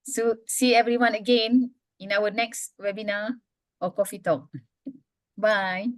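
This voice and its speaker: A woman moderates an online webinar on a video call. She talks very slowly in short, informal, halting phrases. Her voice sits at a medium pitch and sounds dry, without room echo. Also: steady tone. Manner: short halting phrases, often starting with okay.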